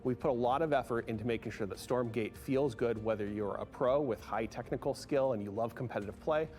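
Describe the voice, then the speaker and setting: Game director guy explaining his game, calm and steady, mid voice. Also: medium pitch. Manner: measured, explanatory. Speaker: game studio director as guest. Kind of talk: scripted interview answers.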